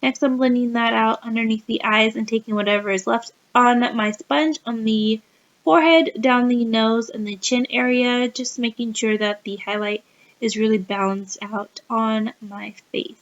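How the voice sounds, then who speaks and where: A woman's voice: on the high side, fairly even intonation, normal speed. Sick-voiced chatty woman vlogger. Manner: chatty, laughs often mid-sentence. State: sick-sounding voice. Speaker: beauty vlogger. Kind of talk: casual makeup tutorial. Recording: dull, slightly muffled lo-fi recording.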